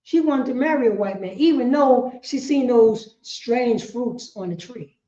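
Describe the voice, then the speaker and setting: Somewhat slow and animated, a woman with a mellow, rather high voice preaches to a class. She is insistent and impassioned, emphatic and repetitive, asking rhetorical questions. The room echoes and the fidelity is muffled and dull.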